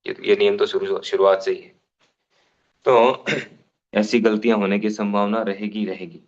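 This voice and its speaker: A man's voice: on the low side, little pitch movement, measured pace, darkish tone, lo-fi sound. A man giving a devotional scripture class, explaining unhurriedly, restating phrases and giving everyday examples.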